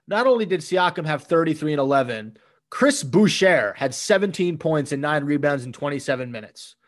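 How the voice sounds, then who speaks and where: A man with a slightly high voice co-hosts a casual sports talk show. He gets animated as he runs through game stats and recaps the action, stacking up numbers as he goes. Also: brisk. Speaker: sports podcast co-host.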